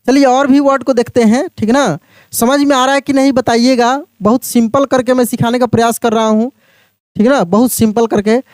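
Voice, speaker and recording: Man spelling out English words slowly. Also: extremely high pitch, fairly even intonation, a little mellow, no room sound, studio quality. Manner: spells words letter by letter slowly, then repeats them drawn out; quizzes viewers with repeated questions. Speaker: English teacher. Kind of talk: online pronunciation lesson.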